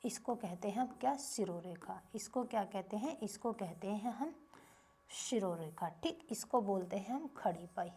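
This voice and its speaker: A woman's voice: mid-range voice, lively intonation, normal speed, warm tone, slightly rough. Woman teacher drilling a grammar lesson. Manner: repeats questions and answers them herself in drilling rhythm. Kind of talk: Hindi grammar lesson for children.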